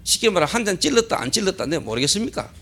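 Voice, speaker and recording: A man's voice: sits high, big pitch swings, racing, fairly bright tone. A middle-aged male pastor preaching a sermon at a church service. He keeps posing rhetorical questions, answers them himself, and repeats key phrases for emphasis.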